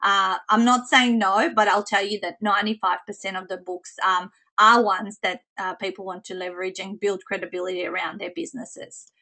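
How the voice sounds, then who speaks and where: A woman with a slightly squeaky voice presenting an informal online coaching call in a chatty way. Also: fairly even intonation, a little fast, hardly any pauses, sharp tone, rough recording.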